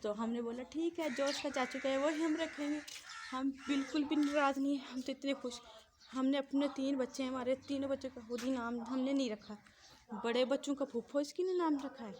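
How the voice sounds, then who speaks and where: High-voiced mother chatting about her family. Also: moderate pace, crowd noise. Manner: chatty storytelling, switches to high cooing baby talk. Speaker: mother of three. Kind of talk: casual home vlog chat.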